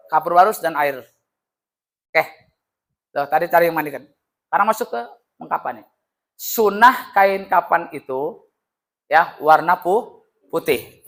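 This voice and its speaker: A man teaching a lively, joking religious class and acting out the voices he quotes. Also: high-pitched. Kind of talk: lively classroom lesson with jokes.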